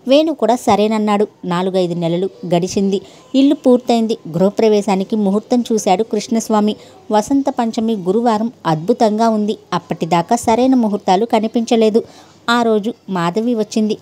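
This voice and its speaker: A woman reads a family story aloud in a steady, unhurried storytelling voice. Her tone is mellow and warm, sitting at an ordinary middle pitch. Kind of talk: narrating a Telugu story, voicing every character.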